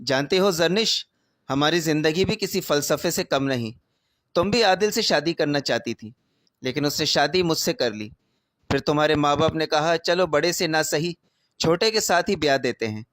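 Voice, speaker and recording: A spiteful young sister-in-law drips with sarcasm, as a male narrator puts her on, in a somewhat high voice. The sound is dry and close. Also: no echo, lightly acted. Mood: mocking. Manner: mocking, sarcastic.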